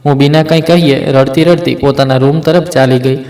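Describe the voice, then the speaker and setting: A man narrating a first-person story in a steady, sombre way, with small restarts. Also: mid-range voice, a little fast, roomy sound, low-quality recording.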